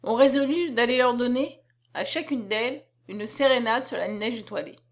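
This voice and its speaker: A woman narrating a novel aloud in an expressive, dramatic reading. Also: on the high side, normal speed.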